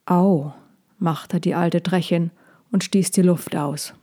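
A woman narrates a children's fantasy tale in a calm, soothing reading. Her voice sits a little low and mellow, and she takes her time with every phrase. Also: a little slow. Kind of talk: storybook reading.

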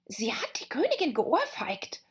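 A woman's voice: high voice, sing-song, extremely slow, creaky, husky, voice pushed up, heavily acted. Woman doing a timid whispering rabbit. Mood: anxious. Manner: stammering, hushed and fearful.

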